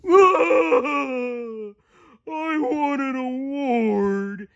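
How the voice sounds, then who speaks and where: A man voicing a dim, excitable male starfish in a storybook read-aloud, with a high, shouty, whining put-on voice. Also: moderate pace. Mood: whiny excited.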